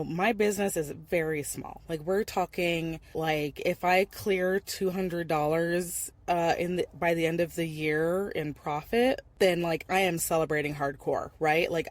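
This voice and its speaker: Lowish-voiced woman just chatting on her podcast, lots of ums, kinda rough from a cough. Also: fairly even intonation, moderate pace, few pauses, no room sound. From Ohio, USA. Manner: candid, chatty, many ums and restarts. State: lingering cough, slightly rough voice. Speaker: author and podcast host. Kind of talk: casual solo podcast update.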